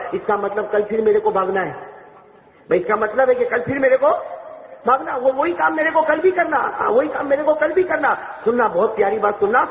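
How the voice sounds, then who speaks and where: A man's voice: high-pitched, vocal fry. A male preacher telling a story to a gathered audience, acting out its voices and calling on listeners to repeat lines after him. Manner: acts out the voices in his story. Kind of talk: sermon storytelling. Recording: echoey hall with long reverb, faint ambience.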